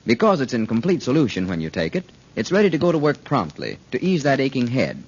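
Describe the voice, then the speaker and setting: A man's voice: medium pitch, huge pitch swings, fast talker, darkish tone, breathy edge. A man reading a folksy sponsor announcement, heard as an old AM radio broadcast from the 1940s. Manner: folksy, persuasive. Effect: old AM radio broadcast sound. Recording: muffled 1940s radio recording.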